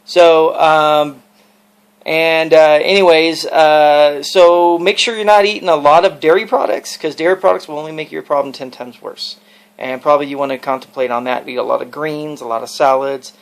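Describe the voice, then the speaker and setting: A man records a casual, personal video log, explaining and advising as he goes. His voice is gravelly, with plenty of creak. He rambles earnestly from one point to the next. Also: on the high side, fairly even intonation, normal speed. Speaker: video blogger.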